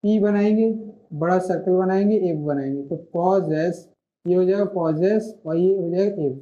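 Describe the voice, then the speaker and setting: A man's voice: sits high, moderate pace, warm tone, slight background noise. A male shorthand teacher giving an online classroom lesson, explaining patiently and stopping often to ask and answer his own questions. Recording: muffled lo-fi recording.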